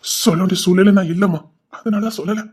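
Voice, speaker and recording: A man's voice: sits high, steady tone, fairly quick, darkish tone, breathy edge. An actor with a Tirunelveli Tamil accent playing a stern, remorseful older father who scolds and then pleads with his daughter. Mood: pleading.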